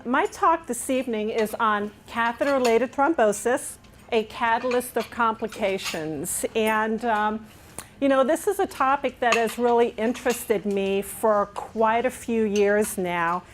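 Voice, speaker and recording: In a dining room with large windows, a middle-aged Englishwoman whose voice is on the high side and unhurried presents a nurse education talk at a conference. She has no accent, stays cheerful and conversational, and keeps asking the audience to agree. There is a little hiss or hum.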